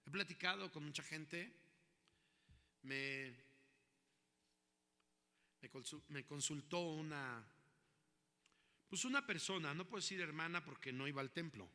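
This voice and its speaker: A man's voice: fairly high pitch, animated, measured pace, pauses often, pushed and bright, long reverb tail. A man preaching a sermon as pastor, asking his listeners questions and building in intensity.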